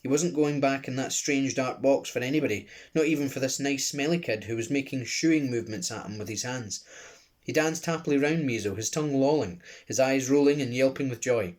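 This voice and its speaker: A man's voice: medium pitch, brisk. Glaswegian man reading a storybook aloud. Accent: Scottish (Glasgow). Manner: expressive, chatty asides after the chapter. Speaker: reader of a children's book.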